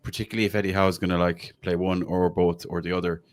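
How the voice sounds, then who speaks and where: Deep-voiced Irish man chatting football. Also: little pitch movement, fast talker. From Ireland. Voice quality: swears casually, chatty with many fillers. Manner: chatty, says "like" a lot. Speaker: podcast host. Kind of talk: casual football chat.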